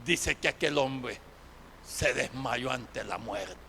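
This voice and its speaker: A male pastor preaching a sermon, breaking into shouts and then dropping to near whispers. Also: medium pitch, slow pace, creaky, big-room sound, a little hiss or hum. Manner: preaching with sudden shouts and dramatic drops in volume.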